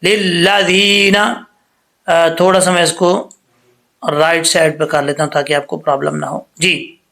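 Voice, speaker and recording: A man teaching tajweed rules step by step, patient and repetitive, often checking "theek hai?" and slowing down to recite the examples. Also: fairly high pitch, flat delivery, gravelly, pushed and bright. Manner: slows to drawn-out recitation for examples.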